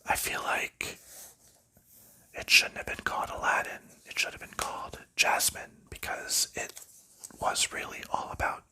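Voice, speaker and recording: A man whispers gently during an ASMR board game session, chatting in a loose, rambling, easygoing way as he sorts cards. He's an ASMR host, and his pace runs a little slow.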